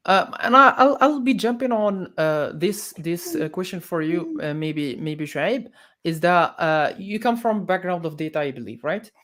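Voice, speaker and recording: A man co-hosting an online panel, asking questions in a relaxed and encouraging way. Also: sits high, moderate pace. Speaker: co-host. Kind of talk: casual online panel chat.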